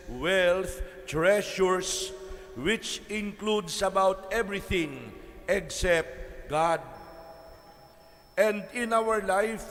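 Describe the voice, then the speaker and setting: A male priest delivering a homily at a pulpit microphone in a church, slow and measured with dramatic pauses. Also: high-pitched, fairly bright tone, long reverb tail.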